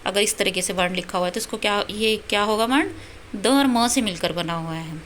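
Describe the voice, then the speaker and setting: A woman's voice: mid-range voice, brisk, a bit bright, a little hiss or hum. A woman teaching a Sanskrit lesson, patiently explaining and spelling out syllables one by one. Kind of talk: self-study lesson.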